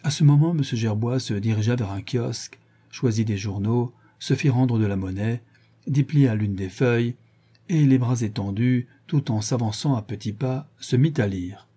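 Male audiobook narrator, very dark tone, husky, measured. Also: medium pitch. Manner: measured storytelling. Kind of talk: scripted narration.

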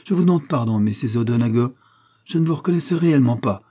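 A male reader voicing a polite gentleman who apologises quickly and courteously, a little flustered. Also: mid-range voice, lively intonation, close to an everyday voice.

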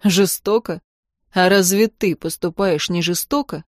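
A woman voicing a young man who is insistent and hurt, speaking low and firm in a story reading. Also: measured pace, darkish tone, dry recording, clean studio sound, lightly acted.

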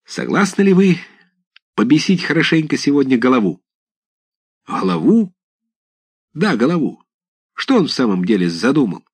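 A man voicing a burly young village reveller in a storybook reading, boisterous and rabble-rousing, pitched well above his own voice. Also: big pitch swings, moderate pace, pauses often, breathy edge, no echo. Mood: rowdy.

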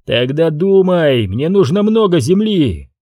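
A man's voice: a little high, sing-song, unhurried, dark tone, no room sound, clean studio sound, voice pushed up, heavily acted. A man reading an audiobook, voicing a ruthless, domineering rancher boss who speaks in brusque commands.

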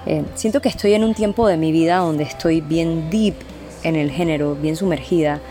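A woman's voice: low-pitched, normal speed, dark tone, soft background music. A young Panamanian woman with a Panamanian Spanish accent, a band singer answering interview questions in a chatty way, with many "eh" fillers. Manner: chatty, lists things with frequent "eh" fillers.

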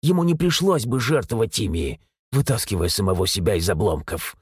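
A man narrating a dark novel as an audiobook, in an expressive storytelling manner. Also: fairly low pitch, brisk, breathy edge, dry recording, clean studio sound. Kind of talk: scripted narration.

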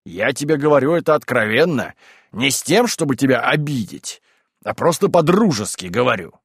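A man voicing a boisterous, rude male landowner who shouts and bullies in an audiobook reading. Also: mid-range voice, lively intonation, normal speed, gravelly, husky, no echo, studio quality. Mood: blustering. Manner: shouting, blustering, pushy.

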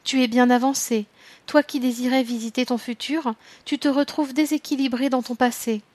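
Gentle wise spirit guide, read by a woman. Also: high-pitched, fairly even intonation, normal speed, dry recording. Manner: patient, gently admonishing.

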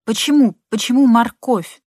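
A woman's voice: lively intonation, unhurried, no room sound, studio quality. A woman voicing a hurt, furious wife who shrieks accusations, in an audiobook. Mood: shrill. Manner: shrill, accusing.

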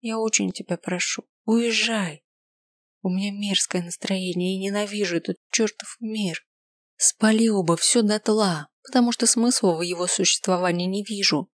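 A woman's voice: medium pitch, moderate pace, no echo, close to an everyday voice. A woman voicing a distraught young woman who speaks in a strained, tearful, raised voice. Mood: bitter.

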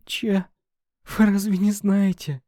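A timid young secretary, sobbing and frightened, her voice pushed up very high and thin, as a male storyteller puts her on. She wails each answer in a plaintive, shaky tone, close and dry in an audiobook reading. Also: level tone, takes it slowly, warm tone, dry recording. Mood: tearful, frightened.

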